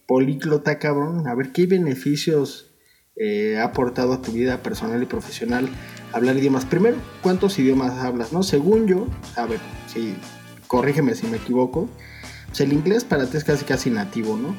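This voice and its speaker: Male podcast co-host, Mexican accent, slangy and sweary, jokey delivery, mid pitch, light music bed. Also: animated, normal speed, warm tone. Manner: crude, slangy, joking, swears constantly. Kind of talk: casual chat.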